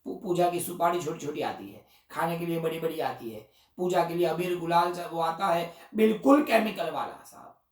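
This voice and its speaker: A man's voice: a little high, normal speed. A man narrating a devotional story as a religious storyteller, earnestly exhorting his listeners. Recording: roomy hall, distant mic.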